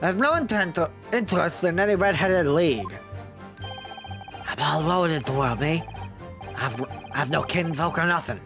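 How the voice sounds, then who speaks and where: A woman's voice: low-pitched, expressive, moderate pace, over music. A woman voicing an indignant, evasive male street peddler from a video game, with colloquial, defensive speech.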